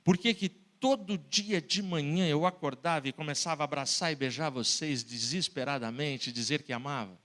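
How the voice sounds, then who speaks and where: A man's voice: fairly high pitch, normal speed, few pauses, a bit bright, lightly acted. A preacher voicing an earnest teenage boy. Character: loving teenage boy writing a farewell letter. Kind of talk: sermon storytelling.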